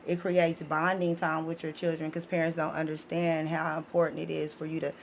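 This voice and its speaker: An American woman guesting on a podcast explains her educational book series in a casual, emphatic way, often stopping to ask if listeners are following. Her voice is deep and completely flat, and she talks fairly quickly. The live recording is clearly noisy.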